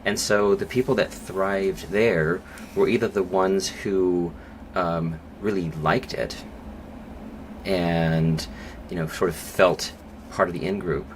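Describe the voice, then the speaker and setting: Very deep-voiced male psychologist guest. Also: fairly even intonation, rough recording. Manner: thoughtful, measured, with pauses and fillers. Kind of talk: podcast interview conversation. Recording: clear background noise.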